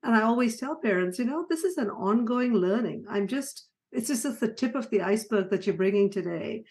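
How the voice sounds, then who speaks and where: A middle-aged woman from Sri Lanka, a psychiatrist guest on an interview, talking warmly with frequent laughs and restarts. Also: a little high, lively intonation, brisk. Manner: warm, laughing, many restarts. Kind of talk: conversational interview.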